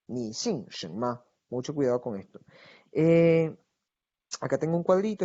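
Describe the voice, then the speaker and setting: A man gives a recorded Mandarin grammar lesson. He explains patiently, keeps checking in with his students, and slows right down to model each Chinese phrase. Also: mid-range voice, warm tone, lo-fi sound. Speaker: Mandarin teacher.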